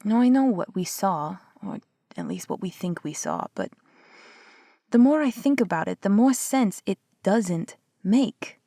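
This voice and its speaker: Her medium-pitched voice is creaky and mellow, swinging widely in pitch at a slightly slow pace. Playing a skeptical investigator in a one-sided audio roleplay, this young woman is argumentative and sarcastic, swears casually, and at times whispers. The recording is dry.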